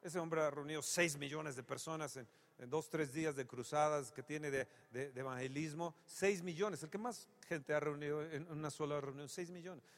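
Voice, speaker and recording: A man preaching a sermon with a somewhat high voice, dropping to a hush one moment and rising to loud, emphatic exclamations the next. He tells stories with a humorous touch. A long reverb trails his words, as in a large church hall. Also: normal speed. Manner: dramatic, swinging from hushed to loud exclamations; humorous storytelling.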